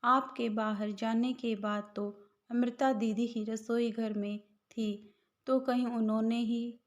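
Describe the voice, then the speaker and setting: A woman's voice: fairly high pitch, level tone, slow pace. A woman voicing a greedy, scheming young daughter-in-law in a storybook tale, on a slightly dull recording. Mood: sly.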